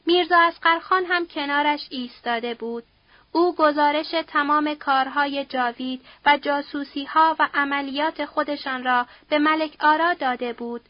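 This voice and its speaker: Female audiobook narrator, steady dramatic reading; dry, muffled lo-fi recording. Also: sits high, no echo. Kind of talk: literary narration.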